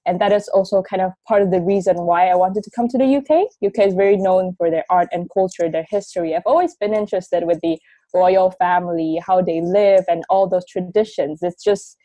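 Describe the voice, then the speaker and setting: A woman's voice: on the low side, steady tone, brisk, dark tone, no room sound. A 21-year-old woman from Indonesia, born in Taiwan, telling her story in a chatty interview and leaning on filler words. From grew up in Indonesia, born in Taiwan. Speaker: interview guest, marketing graduate.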